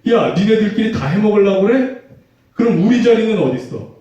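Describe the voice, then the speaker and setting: A man voicing petty, jealous male disciples bickering indignantly over who gets the best seat, his voice pushed higher and louder. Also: animated, normal speed, highs cut off. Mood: petulant bickering. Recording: echoey hall, mic far off.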